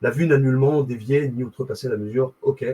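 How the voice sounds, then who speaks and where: A man's voice: mid-range voice, brisk, warm tone, slightly rough, rough recording. A man hosting a live video, reading a text aloud and commenting on it, full of fillers, restarts and self-corrections, with wry asides.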